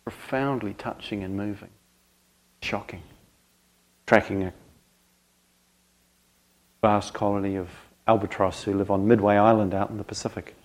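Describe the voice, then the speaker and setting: A man speaking as a Dharma teacher to a group, earnest and reflective, in short halting phrases with thoughtful pauses. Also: fairly low pitch, fairly even intonation, rough recording. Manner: grave, earnest. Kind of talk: reflective spoken talk to a group.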